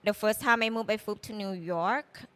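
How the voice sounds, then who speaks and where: A Thai chef in her thirties, appearing as a guest in a casual interview, speaks English with a Thai accent at a normal speed. Her voice is smooth, clear, and middle-pitched, and her chatty, loose talk is full of "like" and "you know."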